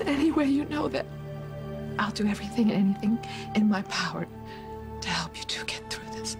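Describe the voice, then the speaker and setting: An actress playing a remorseful middle-aged mother, pleading emotionally in a hushed, breathy voice in a soap opera. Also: medium pitch, lively intonation, a little fast. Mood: anguished pleading. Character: remorseful, devoted mother pleading with her grown son. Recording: music under the voice.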